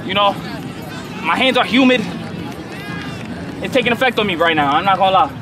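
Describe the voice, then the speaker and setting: A high-voiced young man brags and trash-talks in a loose, joking way. He sounds like he is outdoors on a beach, with a crowd chattering in the background. Wind and street noise also come through. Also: animated, brisk. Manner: boastful, loud, joking excuses. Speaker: vlogger playing beach football. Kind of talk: casual trash talk.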